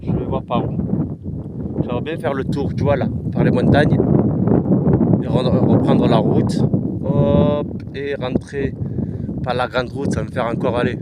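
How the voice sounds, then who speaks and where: A man's voice: medium pitch, steady tone, measured pace, pauses often. Chatty man in heavy wind. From Aveyron, France. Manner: chatty, loose, slangy, talks straight to the viewer. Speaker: vlogger. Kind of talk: casual chat to camera while hiking. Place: outdoors on a windy rural hillside. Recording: loud wind noise on the mic outdoors.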